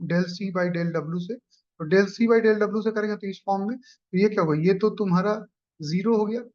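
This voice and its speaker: A man's voice: sits high, moderate pace, darkish tone. A man teaching exam-prep economics math, explaining each step and checking in with students. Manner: explains step by step, often asks "clear?" and "ठीक है". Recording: dull lo-fi recording.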